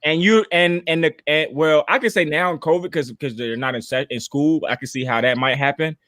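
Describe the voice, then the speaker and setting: A man co-hosting a basketball podcast in casual chat, teasing and lively, often restarting his sentences. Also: on the high side, brisk, no room sound, clean studio sound. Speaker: podcast co-host.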